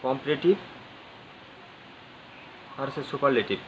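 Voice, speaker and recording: A man's voice: medium pitch, expressive, unhurried. Guy teaching grammar, keeps repeating himself and spelling stuff out, kinda dull recording. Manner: spells words out letter by letter, repeats phrases, asks the viewers questions. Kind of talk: spoken grammar lesson. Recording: slightly dull audio with faint ambient noise.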